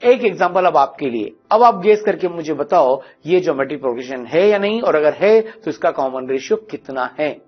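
Husky-voiced man teaching math. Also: on the high side, animated, normal speed, few pauses, lo-fi sound, faint music behind. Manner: explains step by step, asks students to check and guess. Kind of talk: online exam-prep lesson.

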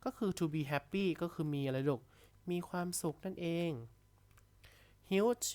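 A man teaching an English vocabulary lesson in a chatty classroom manner. He reads sentences out slowly, then explains them quickly. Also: a little high, warm tone, smooth.

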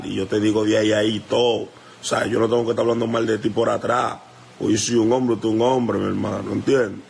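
Young Dominican man, livestream call-out, low gravelly voice, repetitive and confrontational, faint background hiss. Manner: confrontational, repetitive, keeps asking "you understand?". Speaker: musician addressing a rival. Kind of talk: heated livestream rant. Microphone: phone livestream.

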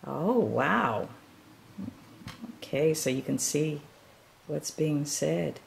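A woman reading a children's picture book aloud, pausing to sympathize and ask the listeners questions. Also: sits low, expressive, creaky, a little hiss or hum. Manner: gentle, asks listeners questions; sympathetic, comments between pages. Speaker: storytime reader.

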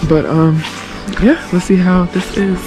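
A young woman vlogging casually into a handheld camera, chatty and self-mocking, with loud music playing behind her. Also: fairly low pitch, fairly even intonation, a little slow. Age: young adult. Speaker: travel vlogger. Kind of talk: casual vlog talk to camera. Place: outdoors at a ski area and a hot spring. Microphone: handheld action camera.

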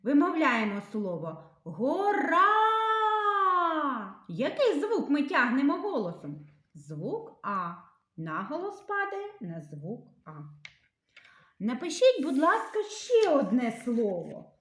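A woman leads young children through a reading and writing lesson, sounding out each letter and syllable with slow, careful clarity. Her voice sits a little high and moves lively up and down. The recording carries a noticeable room echo. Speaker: teacher.

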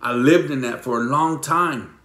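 A man's voice: medium pitch, a little slow. Emotional man preaching in an echoey room. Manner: emotional, repetitive, stammering restarts; swings between loud preaching and hushed pleading. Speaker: pastor. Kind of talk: sermon.

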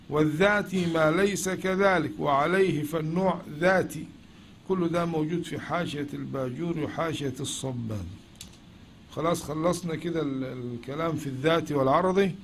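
A man's voice: a little high, moderate pace, fairly bright tone, slight background noise. A man with an Egyptian accent teaching a lecture, often asking questions and then answering them himself. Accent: Egyptian Arabic. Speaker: teacher of logic. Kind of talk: classroom lecture.

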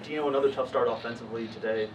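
A man, a reporter, asking quick, probing questions at a press conference. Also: medium pitch, fairly even intonation, a little mellow, faint music behind. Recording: distant room mic with background noise.

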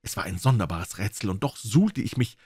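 A man's voice: lowish voice, animated, a little fast, a little mellow, breathy edge, no echo. A man reading a classic detective story aloud as an audiobook, telling it dramatically in the first person on a close mic. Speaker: audiobook reader.

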